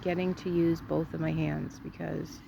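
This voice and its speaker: A middle-aged woman with a raspy, sore-throated voice, rambling through a casual story for her viewers with lots of fillers and laughter. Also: sits low, little pitch movement, normal speed, background noise. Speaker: vlogger.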